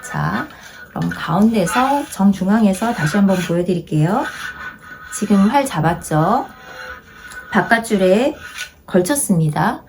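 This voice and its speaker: A woman teaching a haegeum lesson, patiently repeating each instruction and slowing down to demonstrate. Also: mid-range voice, expressive, darkish tone, soft background music. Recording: noisy home-video recording.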